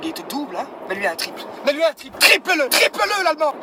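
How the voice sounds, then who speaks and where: A man putting on a crude, hot-headed character who swears and yells insults at other drivers, in a moving car. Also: very high voice, very animated, fast talker. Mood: ranting. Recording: car and road noise.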